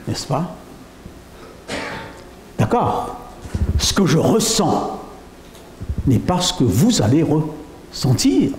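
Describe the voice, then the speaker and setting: Animated, slow-paced preacher man in an echoey hall. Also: sits high. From Mauritius. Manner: animated, asks the audience rhetorical questions. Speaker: pastor. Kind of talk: sermon testimony. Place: church meeting hall. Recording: echoey hall with faint noise.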